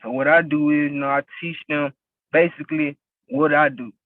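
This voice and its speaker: A young man from West Memphis, Arkansas, a rapper who owns a label, talks casually as an interview guest and keeps saying "you know what I'm saying." His voice is fairly high and steady at a moderate pace, and the recording is tinny, phone-like, and very dry, with no room sound.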